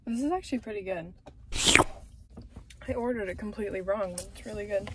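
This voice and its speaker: A woman's voice: mid-range voice, a little fast. A woman chatting casually to her phone camera in a car, rambling with lots of "like" and "um", her voice a little worn. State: losing her voice. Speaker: vlogger. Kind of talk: casual vlog chat. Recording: phone video with loud car noise. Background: loud car noise.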